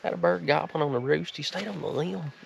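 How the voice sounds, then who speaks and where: A man's voice: fairly high pitch, brisk, vocal fry, muffled recording, crowd noise. A man, chatting casually in folksy country phrasing on a hunting vlog. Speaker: turkey hunter. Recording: noisy outdoor field recording.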